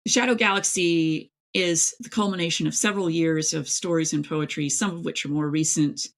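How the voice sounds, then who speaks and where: Her voice sits low and gravelly, with a steady tone and a brisk pace. She's a middle-aged woman from East Tennessee, United States, an author who rambles casually and emphatically while being interviewed in a chatty setting.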